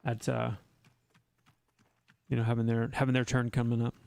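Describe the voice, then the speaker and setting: A man's voice: medium pitch, monotone, normal speed, vocal fry, a little mellow, dry recording. A man streaming a video game, chatting casually with his viewers and teasing them with wry asides. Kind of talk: casual livestream commentary while gaming.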